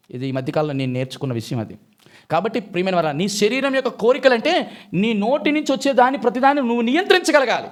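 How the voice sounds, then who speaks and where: A man with a Telugu accent preaching fast in a church hall, his high voice leaping up and down. He fires off rhetorical questions and drops suddenly from loud to soft. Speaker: pastor. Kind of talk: sermon.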